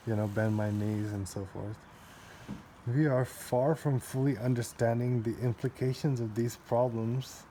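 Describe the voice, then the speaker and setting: A man of ordinary mid-range pitch reads passages slowly and haltingly, often restarting a line to take it in. He slips into loose, offhand commentary between sentences. A faint noise sits under the recording. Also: warm tone. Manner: slow, halting reading, rereads lines, laughs to himself. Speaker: reader commenting on a book. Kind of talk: casual read-aloud with commentary.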